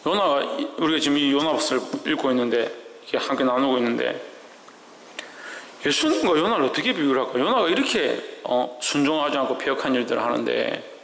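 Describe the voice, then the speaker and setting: A man's voice: mid-range voice, expressive, brisk, gravelly, fairly bright tone, a little hiss or hum. A male pastor preaching a sermon, asking the congregation rhetorical questions and answering them himself. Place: church sanctuary. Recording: echoey church hall with long reverb.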